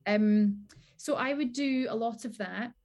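A woman's voice: a little high, a little slow, a little mellow. A woman guest in a casual chat, explaining practical dog-training advice with many fillers.

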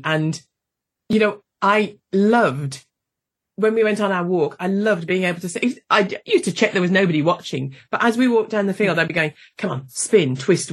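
A British woman hosting a podcast interview, chatting casually with frequent restarts and laughs. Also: mid-range voice. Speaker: podcast host.

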